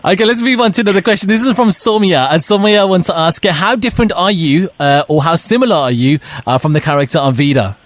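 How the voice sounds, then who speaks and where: A man's voice: high voice, lively intonation, quick pace, few pauses, dry recording. A man hosting a radio interview, reading out listener questions with frequent fillers. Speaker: radio host. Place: radio studio.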